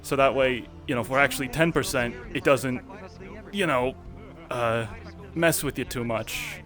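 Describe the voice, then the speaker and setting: A man's voice: medium pitch, normal speed, a bit bright, faint music behind. A man roleplaying a war reporter in casual, joking in-character chat, rambling with fillers.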